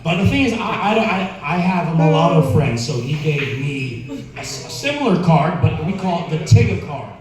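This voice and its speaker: A man's voice: on the high side, big pitch swings, moderate pace, crowd noise. Echoey, hesitant man doing amateur stand-up. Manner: hesitant, with stammered repeats and filler-laden stalling; casual, profane, slangy. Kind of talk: stand-up comedy at an open mic. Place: indoor open mic venue. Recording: very echoey room, distant mic.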